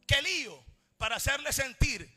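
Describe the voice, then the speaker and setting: A man preaching a sermon to a congregation in a church, with a repetitive, impassioned cadence that swings between shouts and quiet passages. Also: very high voice, expressive, moderate pace, soft background music.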